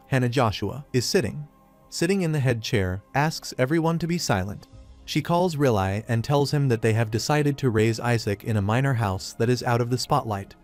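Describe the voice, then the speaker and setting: A man narrating a comic recap in a steady, even storytelling voice. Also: medium pitch. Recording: faint music behind.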